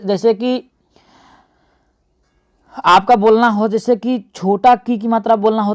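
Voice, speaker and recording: A man's voice: high-pitched, darkish tone, clear, resonant tone. A man teaching an exam-prep lesson, often asking and answering his own questions and calling his viewers friends.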